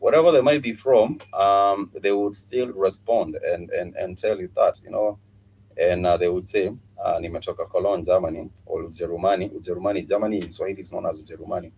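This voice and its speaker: A man's voice: deep voice, fairly quick, darkish tone, a little hiss or hum, poor audio. A man teaching a live online language lesson, patiently repeating phrases and spelling words out letter by letter. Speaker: Swahili teacher.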